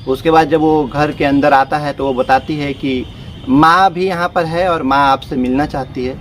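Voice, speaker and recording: A man's voice: on the high side, steady tone, normal speed, a little hiss or hum. A man casually narrating a story, talking to his listeners as friends in loose, repetitive phrasing.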